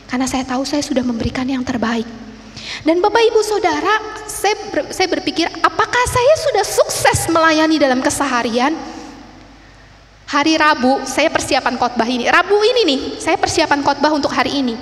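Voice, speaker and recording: Woman preacher, high voice, lively story-telling sermon, long church echo. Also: normal speed. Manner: animated, conversational, swings from loud to soft. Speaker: evangelist preacher. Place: church sanctuary. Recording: long church reverb, faint room noise.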